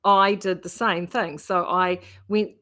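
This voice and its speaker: Casual vlog host: woman, broad New Zealand accent, slightly low voice, chatty and rambling, often breaking off mid-thought. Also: steady tone, slow, pushed and bright. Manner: chatty, rambling, self-interrupting. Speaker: knitting vlogger and yarn shop host. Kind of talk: casual chat to live viewers.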